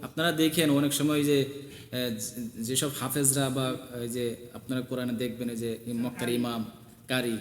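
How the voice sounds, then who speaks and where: A man teaching Quran recitation, repeating phrases for his learners and chanting the verses slowly. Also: medium pitch, flat delivery, echoey room, long reverb tail, slight background noise. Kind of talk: tajweed lesson with chanted recitation.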